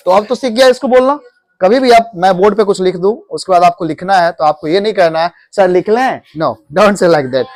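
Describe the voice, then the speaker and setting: A man's voice: high-pitched, no echo. A man teaching English phrases in a classroom, coaxing and repeating questions to his students.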